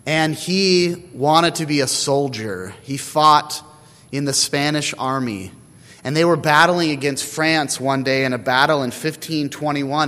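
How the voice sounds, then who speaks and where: A man, a priest, reads scripture and then preaches in a relaxed, conversational way with casual fillers, recorded in a church. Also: mid-range voice, long reverb tail. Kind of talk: scripture reading and homily.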